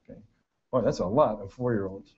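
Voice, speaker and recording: This parenting workshop speaker, an older man, talks a little fast in a low-leaning, slightly mellow voice. His humorous lecture to the audience relies on dry storytelling and punchy lists, and the talk was recorded in dull lo-fi quality.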